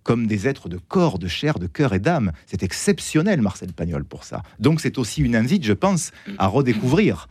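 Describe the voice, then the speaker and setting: A man guest who records audiobooks, speaking in an expressive, admiring way. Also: medium pitch, normal speed, hardly any pauses, breathy edge, no room sound. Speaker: guest narrator and audiobook reader. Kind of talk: casual studio chat.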